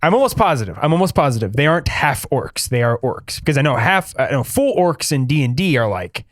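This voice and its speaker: A man co-hosting a casual podcast, excitable, often trailing off and restarting his sentences. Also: medium pitch, fairly quick, dry recording, clean studio sound. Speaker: podcast co-host. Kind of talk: casual chat.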